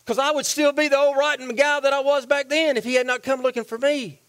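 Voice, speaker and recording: A man's voice: extremely high pitch, level tone, fairly quick, fairly bright tone. A man preaching a sermon, asking the congregation questions and answering them himself. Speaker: pastor.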